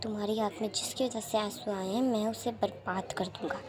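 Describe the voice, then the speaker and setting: A woman voicing a calm, protective young man who speaks softly and low to comfort his crying lover. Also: a little fast, natural voice. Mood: quietly menacing. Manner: soft, low, hushed and soothing.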